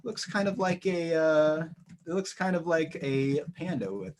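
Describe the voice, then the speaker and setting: A man's voice: a little high, lively intonation, measured pace, a little mellow. A man running a tabletop role-playing game as game master, narrating scenes descriptively with frequent fillers and restarts. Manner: descriptive, hesitant with many fillers.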